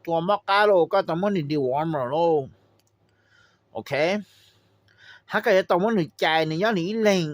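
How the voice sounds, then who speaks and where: In a clean studio recording with no echo, this man speaks in a high voice at a measured pace, pausing often. He's a poultry trainer offering advice in a relaxed lesson on bird-rearing, mixing in English phrases and frequently checking on his audience.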